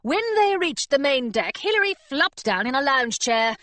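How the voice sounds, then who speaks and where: A woman narrating a children's adventure audiobook in an expressive storytelling manner, close to the mic. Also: moderate pace, no echo. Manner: expressive storytelling with lively pitch. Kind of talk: scripted narration.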